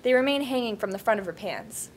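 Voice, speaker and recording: A woman with a voice on the high side reads scene headings and stage directions as narrator at a script table read, speaking fast and expressively. Background noise runs through the recording.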